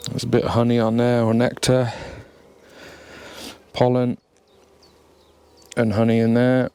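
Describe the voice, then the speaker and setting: In a smooth, medium-pitched voice and an unhurried manner, an English-accented beekeeper talks while inspecting his hive in a grassy apiary. He wears a bee suit, sniffles from hay fever, and stays relaxed and chatty, thinking aloud. A camera near the hive captures the narration.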